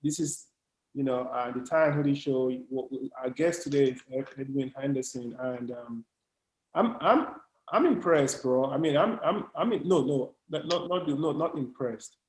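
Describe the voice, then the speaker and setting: A man's voice: mid-range voice, normal speed. A man with a Nigerian accent hosting a podcast interview, earnest and emphatic, often stumbling over his words. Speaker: podcast host. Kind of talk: casual interview chat. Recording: roomy echoey sound.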